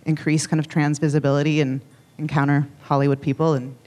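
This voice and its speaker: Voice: mid-range voice, flat delivery, quick pace, darkish tone. An audience member asking a rambling, hesitant question, with fillers.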